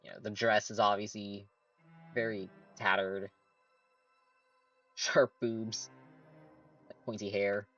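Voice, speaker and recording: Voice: low voice, flat delivery, slow pace, pauses often, fairly bright tone, muffled recording, faint music behind. A playful, chatty streamer giving casual commentary on a game.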